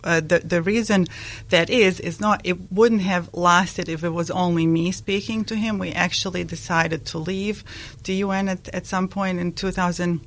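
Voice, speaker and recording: This Bosnian woman in her forties is a guest on a radio interview, speaking English with a Bosnian accent. Her voice sits on the low side and stays steady, though she pauses often and restarts her sentences.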